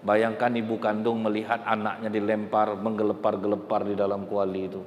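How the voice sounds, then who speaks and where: A man's voice: fairly low pitch, a little fast, highs cut off, slight background noise. A male preacher giving a humorous sermon, telling stories and speaking directly to the women at a large religious gathering. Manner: lively storytelling, addressing the women directly. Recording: echoey hall, faint ambience.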